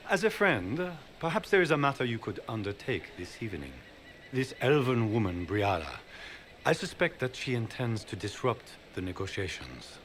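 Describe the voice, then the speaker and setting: In this video game cutscene, a middle-aged grand duke hungry for the throne schemes and charms in a smooth, theatrical way. His male voice is medium-pitched, sing-song and fairly bright at normal speed, over slight background noise.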